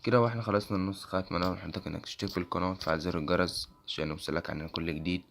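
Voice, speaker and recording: A young man with an Egyptian accent and a worn, hoarse voice walks through an app on screen, quickly asking "okay?" after nearly every phrase. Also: low-pitched, steady tone, fairly bright tone, a little hiss or hum. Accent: Egyptian Arabic. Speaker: tech channel host. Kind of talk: casual screen-recording walkthrough.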